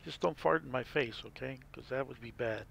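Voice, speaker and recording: A man's voice: medium pitch, a little fast, vocal fry, a bit bright, dull audio, a little hiss or hum. A man hosting a gameplay video, explaining casually and rambling as he plays. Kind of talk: casual game commentary.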